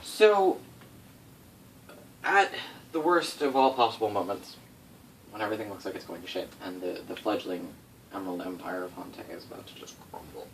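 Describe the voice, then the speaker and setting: A low-voiced man speaks at a normal speed with frequent pauses, acting as game master and recounting his tabletop setting's history to the players. His telling is casual and rambling, full of swearing and self-corrections. The distant mic picks up faint background noise.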